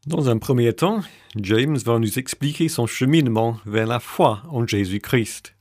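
A man hosting a Bible reflection show, reading his scripted narration in a measured, composed way. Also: mid-range voice, a little mellow, no room sound, studio quality. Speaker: radio show host.

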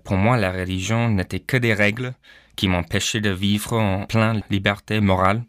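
Low-voiced hesitant man. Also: steady tone, moderate pace, fairly bright tone, no echo, studio quality. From Canada. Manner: hesitant, frequent "euh" fillers. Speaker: pastor, guest. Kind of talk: personal testimony.

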